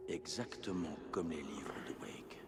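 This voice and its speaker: A man's voice: a bass voice, measured pace, creaky, big-room sound, very noisy, heavily acted. An actor voicing an ominous male narrator in a game, telling a legend dramatically and dropping into whispers. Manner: dramatic storytelling, drops to whispers.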